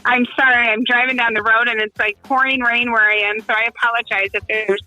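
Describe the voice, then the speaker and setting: A woman's voice: fairly high pitch, flat delivery, a little fast, pushed and bright, faint music behind, low-quality recording. A woman in her forties calling in over a car speakerphone as a guest, chatting in a friendly, upbeat way and laughing easily. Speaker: call-in guest. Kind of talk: casual chat.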